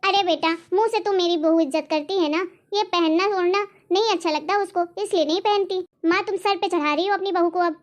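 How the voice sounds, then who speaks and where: A woman voicing a kindly, reasonable older mother-in-law in a cartoon, speaking in a gentle, motherly way. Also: very high voice, fairly quick, few pauses. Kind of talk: animated cartoon voice acting.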